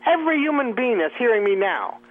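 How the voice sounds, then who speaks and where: Sarcastic riffing radio host, high lively voice. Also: male voice, fairly quick. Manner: riffing and sarcastic, laughing at his own jokes. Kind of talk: comedic talk radio monologue. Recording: tinny phone-like radio audio.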